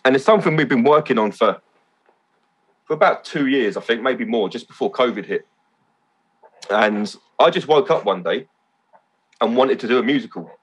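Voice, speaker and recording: A man telling stories as a podcast guest, excitable and loose, swearing casually. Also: medium pitch, moderate pace, long pauses, slightly rough. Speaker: podcast guest, event organiser. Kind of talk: casual chat.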